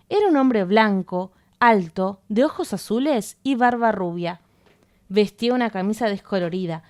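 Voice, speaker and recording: A woman narrating an adventure novel as an audiobook, in a calm and measured way. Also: a little high. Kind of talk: scripted narration.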